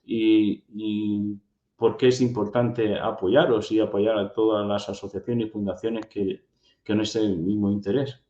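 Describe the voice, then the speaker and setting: A low-pitched man hosts an online interview and asks a rambling question, correcting himself along the way. His voice comes over a video call from an echoey room. The sound is dull and lo-fi. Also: little pitch movement, a little slow, warm tone. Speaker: interviewer, host.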